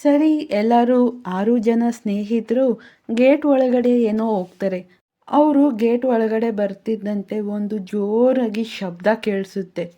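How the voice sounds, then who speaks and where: A woman telling a story aloud in a calm, steady way. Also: on the high side, slow pace. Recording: dull lo-fi sound.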